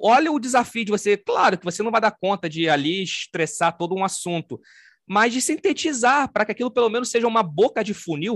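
A man from Rio de Janeiro with a Carioca accent, hosting a podcast in an expansive, animated conversational manner. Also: sits high, no room sound, studio quality. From Rio de Janeiro, Brazil. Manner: expansive, talks with his hands. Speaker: podcast host.

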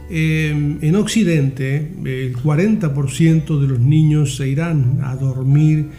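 A man hosting a solo podcast, explaining things informally in measured, halting phrases. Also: on the high side, dark tone. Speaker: podcast host. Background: music.

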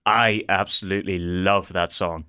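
A man's voice: low-pitched, fairly even intonation, unhurried, bright, forceful tone, smooth. A man co-hosting a radio show, teasing and upbeat in casual chat. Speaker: radio co-host.

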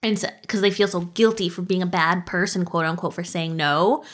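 A woman's voice: on the low side, moderate pace. A woman hosts a casual podcast conversation. She talks freely and chattily, laughs often, and drops the odd swear word. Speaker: podcast host.

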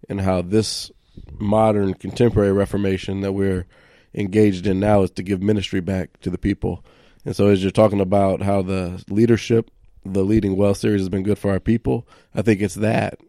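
Low, gruff-voiced man with a cold. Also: dark tone, no echo, studio quality. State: under the weather, gruff voice. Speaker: church ministry co-host. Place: studio.

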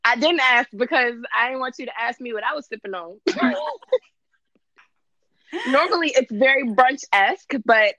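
A woman hosting a casual podcast with playful, slangy banter and frequent laughter, on a low-quality muffled call. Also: normal speed, pauses often, bright, forceful tone, dry recording. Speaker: podcast host.

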